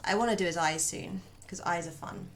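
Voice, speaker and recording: A woman's voice: lowish voice, fairly quick, a little hiss or hum. A woman streaming as she draws, chatting casually, muttering to herself and answering her chat.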